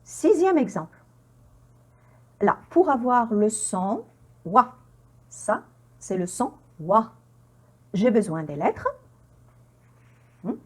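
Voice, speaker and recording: A woman teaching pronunciation in an online lesson, repeating words slowly and quizzing the viewer with encouraging checks. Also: mid-range voice, expressive, breathy edge. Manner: encouraging, with frequent "hein?" checks.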